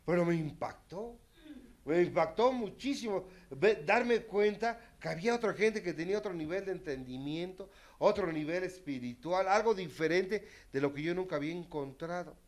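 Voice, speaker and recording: Candid high-voiced man. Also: moderate pace. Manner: candid, self-mocking, dramatic swings in loudness. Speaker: speaker sharing his recovery story. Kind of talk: testimonial talk to a group.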